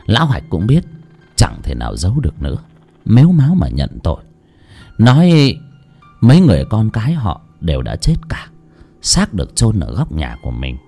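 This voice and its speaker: Male horror storyteller with lively voice. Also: fairly low pitch. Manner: dramatic, voicing characters. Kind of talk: dramatic horror story narration.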